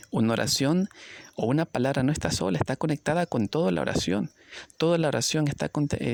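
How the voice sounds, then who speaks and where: A man teaching a Bible study lesson, explaining passages step by step, often checking in with his listeners and reading verses aloud slowly. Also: on the high side, vocal fry, a little mellow, no room sound. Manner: reads scripture aloud slowly.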